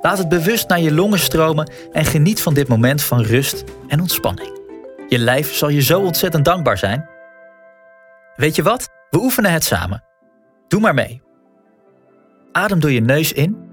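A man's voice: a little high, sing-song, normal speed, pauses often, husky, soft background music. A man narrating a scripted guided wellness walk as a coach, speaking informally and encouragingly straight to the listener.

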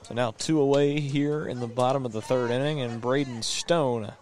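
A man's voice: mid-range voice, steady tone, normal speed, a little mellow. A man doing live sports commentary as the play-by-play announcer of a baseball game.

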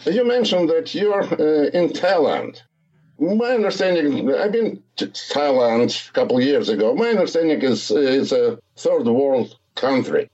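A man's voice: on the high side, very animated, measured pace, warm tone, highs cut off. An older man with a Russian accent, a startup founder speaking as a guest in a casual interview, hesitant and searching for words.

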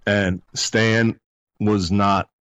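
Low-voiced man telling profane anecdotes. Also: steady tone, very slow, fairly bright tone, clear, resonant tone, no echo. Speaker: podcast guest. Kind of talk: casual storytelling.

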